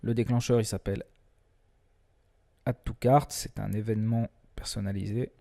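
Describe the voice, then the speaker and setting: A man presenting a screen-recorded software tutorial in a relaxed, chatty way, often hesitating and restarting his sentences. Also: on the low side, moderate pace, gravelly. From France. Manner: self-deprecating humor.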